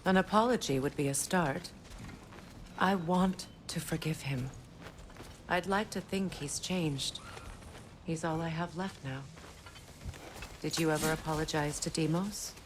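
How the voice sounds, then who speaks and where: A woman playing a wistful, proud female warrior in a video game, with a reflective, measured delivery. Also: deep voice. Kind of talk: dramatic video game dialogue. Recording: game ambience noise behind dialogue.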